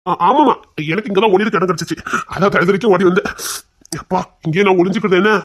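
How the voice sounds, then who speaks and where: A man's voice: sits high, fast, highs cut off. A man acting a playful, teasing young man in a comic romance drama, stammering and joking in a Tamil accent. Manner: teasing, stammering, mock-crying.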